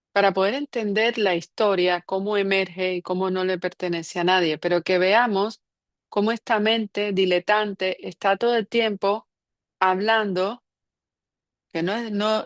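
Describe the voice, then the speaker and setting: A woman's voice: medium pitch, dry recording. Dry-voiced woman guiding a reflective group talk. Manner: reflective, playful, laughs often. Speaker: spiritual teacher leading a group session.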